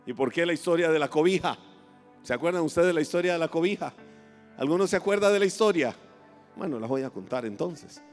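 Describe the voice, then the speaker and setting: Male pastor, high voice, sermon storytelling, reverberant hall, soft music underneath. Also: lively intonation. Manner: dramatic pauses, asks the congregation questions.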